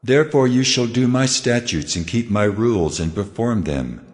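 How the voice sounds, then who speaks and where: A man's voice: medium pitch, lively intonation, moderate pace, natural voice. A man voicing the Lord in a dramatized scripture recording, grave and commanding. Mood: solemn. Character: the Lord, a solemn commanding divine male voice. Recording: long hall reverb. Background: faint music.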